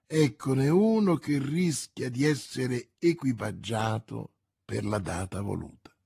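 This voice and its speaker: A man's voice: mid-range voice, slow pace, vocal fry, warm tone, husky, full character voice. A man voicing a sly young musketeer, muttering to himself with amusement. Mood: amused.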